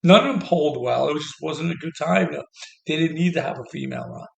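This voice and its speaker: Guy ranting heated and sarcastic, gravelly voice, kinda high, echoey room. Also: fast talker. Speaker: commentator. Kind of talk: political rant.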